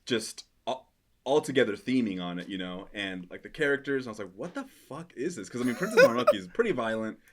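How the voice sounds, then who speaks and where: A man whose first language is Spanish, speaking as a podcast guest in an articulate, measured way without slang. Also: on the low side, lively intonation. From United States. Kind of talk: casual podcast chat.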